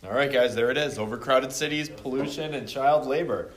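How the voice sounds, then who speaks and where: Middle-aged male teacher hosting a class review, playful and teasing, mid-pitched, recorded in an echoey classroom. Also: brisk. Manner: joking, quizzing students by name. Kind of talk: casual classroom review chat. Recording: echoey classroom with faint noise.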